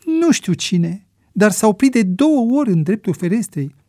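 A man's voice: high-pitched, very animated, dark tone, no room sound, studio quality, pitched above the performer's own voice. A man voicing a timid, frightened young man in an audiobook, speaking anxiously in a raised voice. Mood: fearful.

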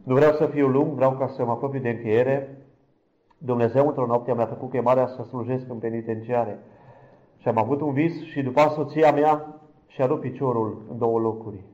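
Fervent preaching man, loud then hushed. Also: medium pitch, fairly even intonation, lo-fi sound. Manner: swings from loud fervent cries to hushed near-whispers; addresses the congregation directly. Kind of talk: impassioned sermon testimony.

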